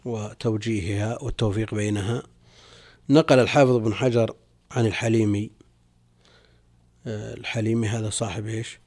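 A man's voice: lowish voice, fairly even intonation, brisk, long pauses, mellow. A middle-aged man speaking as a religious scholar, reading and explaining commentary in mostly formal Arabic with colloquial asides, repeating key phrases. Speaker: religious scholar, guest on the program.

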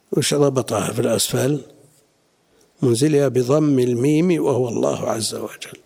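A man's voice: mid-range voice, vocal fry, darkish tone, breathy edge. A middle-aged man, a sheikh explaining a classical text to students and questioning them.

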